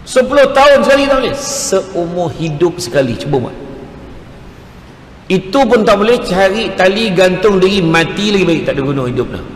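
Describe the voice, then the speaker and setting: A man's voice: high voice, sing-song, normal speed. A male preacher with a Malaysian Malay accent giving a dramatic, storytelling religious lecture. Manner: dramatic storytelling, rising to near-shouts. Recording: echoey hall with faint noise.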